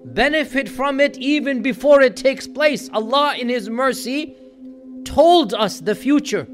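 A man with a notably high-pitched voice delivers a religious lecture in an earnest, emphatic way. He builds intensity as he makes his points. Soft music plays faintly beneath him. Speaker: Islamic lecturer.

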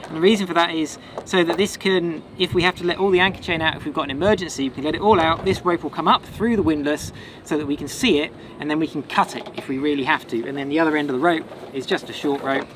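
A fast-talking man with a slightly high voice, a sailing vlogger in his thirties, explains his boat maintenance while doing it. Relaxed and practical, he works outdoors on the boat and a marina dock as outdoor sounds carry behind him.

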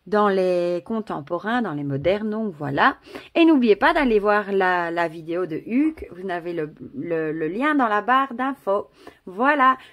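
Casual vlogger, a woman with a Belgian French accent, gushing and chatty, mid-range voice. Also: mid-range voice. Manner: gushing, chatty, many exclamations and asides. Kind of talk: casual vlog, showing cards to camera.

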